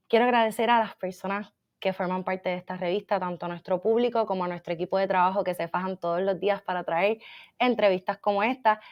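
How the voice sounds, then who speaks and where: A woman hosts an interview with casual, energetic enthusiasm. She talks in a relaxed, slangy way and often restarts her questions as she goes. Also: medium pitch. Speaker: interviewer, magazine host. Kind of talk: upbeat interview hosting.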